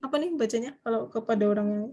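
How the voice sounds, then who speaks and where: A young woman with a slightly high voice leads an online language class. She talks in a chatty, animated way and often stops to quiz the students. She slips quoted foreign phrases into her casual explanations. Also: rapid-fire, muffled recording. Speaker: Japanese language lecturer.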